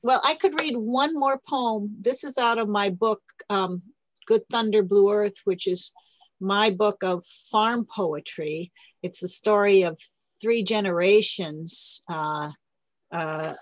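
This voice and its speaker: A woman's voice: medium pitch, slow, poor audio. A woman poet leading a writing workshop, talking casually and thinking aloud with many restarts over a video call. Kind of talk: casual teaching talk.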